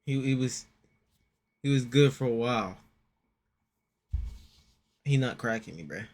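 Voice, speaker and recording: A man's voice: medium pitch, measured pace, a little mellow. A man hosting a reaction video, making laid-back, slangy asides while he watches. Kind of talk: casual reaction commentary.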